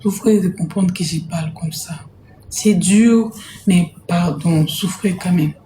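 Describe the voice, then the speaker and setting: Soft-spoken woman on an echoey live stream. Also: on the low side, measured pace, slight background noise. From Congo. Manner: soft-spoken, repeats herself. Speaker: livestream host selling jerseys. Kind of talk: casual live-stream talk. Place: home room, indoors.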